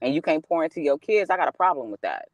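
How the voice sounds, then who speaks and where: A high-pitched man hosts a podcast with lively, emphatic energy. He laughs often and leans hard on his points. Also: fast, a little hiss or hum. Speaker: podcast host. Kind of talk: casual conversation.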